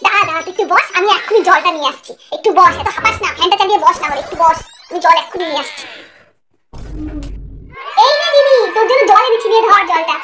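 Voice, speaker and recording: Very high-pitched woman playing a naive sister. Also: animated, fast talker, background noise. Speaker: younger sister in comedy skit. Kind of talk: scripted comedy skit.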